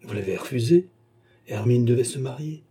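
A man's voice: medium pitch, moderate pace, dark tone, slightly rough, natural voice. A male reader voicing a worried middle-aged mother who speaks in a subdued, plaintive way. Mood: sorrowful.

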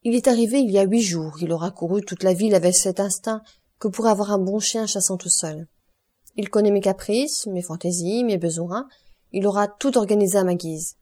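Mellow-voiced woman reading a classic novel. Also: mid-range voice, a little fast. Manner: reads all characters in a lightly varied voice. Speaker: audiobook reader. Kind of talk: scripted narration of a classic novel.

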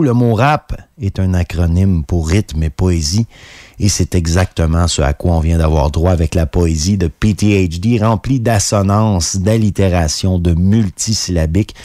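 A man presenting a radio music show, enthusiastic, his pitch jumping up on key words. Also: warm tone, no room sound, studio quality. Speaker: radio host. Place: radio studio.

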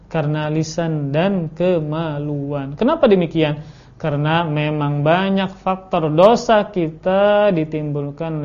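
A man's voice: high voice, darkish tone. A male Islamic teacher giving a religious lecture, emphatic, repeating his key points and reciting Arabic quotations. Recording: dull lo-fi audio recording.

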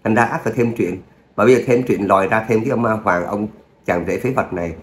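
Low-voiced man narrating a story. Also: quick pace. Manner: chatty, with filler words, then a steady reading. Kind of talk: casual chat, then story narration. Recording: roomy echo, faint hum.

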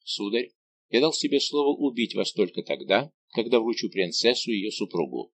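A young viscount who speaks coldly and calmly, each word measured and stern, as a man reads him. He stays collected even under insult. Told as an audiobook drama. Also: lowish voice, slight background noise. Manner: cold, measured.

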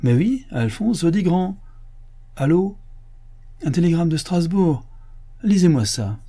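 A man's voice: fairly high pitch, very animated, unhurried, warm tone, voice pushed up, heavily acted. A man voicing a brusque, dogged police inspector. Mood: brisk. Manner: insistent and brusque. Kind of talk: audiobook character voice.

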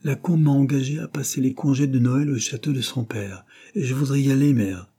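In an audiobook character reading, a male narrator takes on a restless, sulky young student given to petulant pleading and sulking. His medium-pitched voice is pushed up, warm and husky, and runs a little fast.

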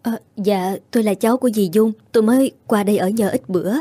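A frightened young pregnant village woman, voiced by a male storyteller in a spoken ghost story. She pleads in a high, breathy falsetto with a mellow, soft tone. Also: fast, no echo. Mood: shy.

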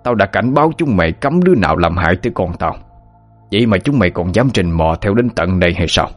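A man's voice: sits low, moderate pace, breathy edge, faint music behind. A man voicing a fierce, protective old village chief in a spoken story, stern and threatening. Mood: furious.

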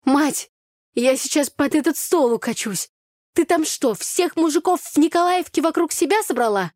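A woman voicing a lively, teasing young female friend in an audiobook, loud and bubbly. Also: a little high, normal speed, no echo, studio quality, voice pushed up, natural voice.

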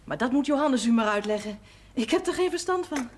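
In a naturalistic television drama, a woman plays a resigned, matter-of-fact young wife and mother who comes across as polite and chatty. Her voice is high, animated, and fairly quick, heard on a noisy old TV soundtrack.

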